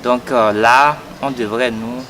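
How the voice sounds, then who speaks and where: A man's voice: medium pitch, steady tone, takes it slowly, a bit bright. A young man, giving an earnest political statement for an interview and hesitating often with fillers and repeated words. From Togo. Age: 20s. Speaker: young party activist. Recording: noisy outdoor street recording.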